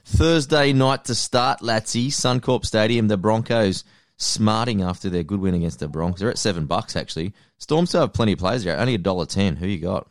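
An Australian man hosting a casual sports podcast, chatty and relaxed as he runs through the segments. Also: fairly low pitch, brisk, no room sound, clean studio sound. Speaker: podcast host. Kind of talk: casual sports fantasy chat.

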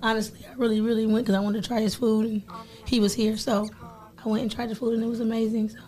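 A woman with a hoarse, strained voice that is giving out, talking casually as a restaurant owner being interviewed on a radio show. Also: fairly high pitch, flat delivery, quick pace, warm tone. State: losing voice. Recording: music playing behind the talk. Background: music.

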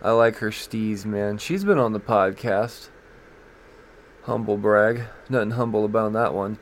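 A man's voice: on the low side, a little slow, slight background noise. A man hosting a comics podcast, going over new releases in casual, profane, joking talk and stumbling as he reads blurbs aloud.

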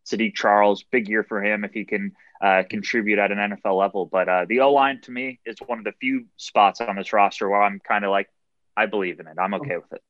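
A man's voice: on the low side, fairly even intonation, a little fast, no echo. A man giving casual, opinionated sports analysis as a podcast panelist. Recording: dry, dull lo-fi microphone sound.

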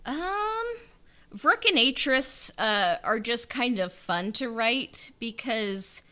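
In a laid-back interview about her fan audio drama, which she wrote and directed, a woman rambles hesitantly with lots of "like" and "you know." Her voice is a little high, animated, pushed and bright, and she takes it slowly.

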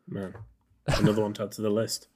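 A man with a somewhat low voice talks casually about films as a podcast co-host. He is easygoing and chimes in often with short, agreeable replies. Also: monotone, brisk, darkish tone. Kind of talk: casual film review chat.

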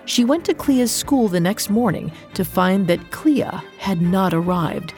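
A woman narrating a scripted true-crime story as host, in a measured, suspenseful crime show manner. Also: mid-range voice, expressive, darkish tone. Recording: music under the voice. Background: background music.

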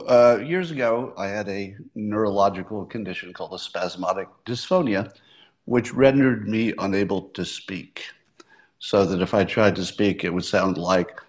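Man in his 60s hosting a casual monologue; reflective, conversational, slightly low register. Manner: musing, conversational, self-amused. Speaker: livestream host.

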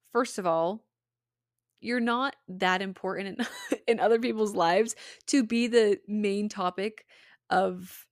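A woman's voice: medium pitch, dry recording, clean studio sound. A young woman with a Utah accent hosting her own podcast in a casual, candid way, giggling and swearing freely as she chats. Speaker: podcast host. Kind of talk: casual solo podcast chat.

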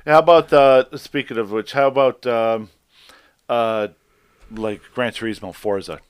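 A man's voice: mid-range voice, measured pace, clear, resonant tone, dry recording, clean studio sound. Ranting man on a podcast. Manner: animated ranting, swears freely. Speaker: podcast co-host. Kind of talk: casual chat.

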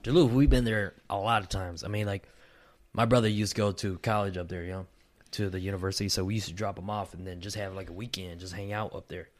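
Rambling low-voiced man in his late twenties. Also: steady tone, fast. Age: late 20s. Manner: rambling, many fillers and restarts. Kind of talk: casual chat.

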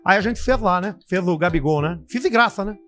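A man, co-hosting a comedy podcast and telling chatty, animated stories. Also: high voice, a little fast, music in the background. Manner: chatty, animated storytelling with tag questions. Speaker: podcast co-host.

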